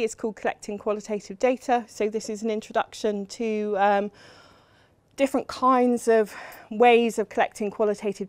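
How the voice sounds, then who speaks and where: A woman's voice: mid-range voice, a little mellow, dry recording. A middle-aged woman from England giving a university lecture in a chatty, self-deprecating way with frequent ums. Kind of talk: academic lecture.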